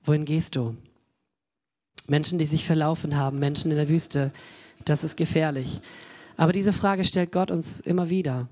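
A man preaching a sermon in an emphatic way, often turning to his listeners with quick asides. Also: on the high side, fairly even intonation, a little mellow.

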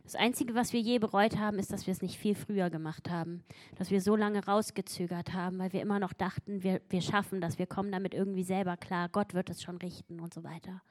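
Speaking fast at a medium pitch, with fairly even intonation and a darkish tone, a woman gives an emphatic sermon. She acts out quotes from scripture, growing increasingly intense.

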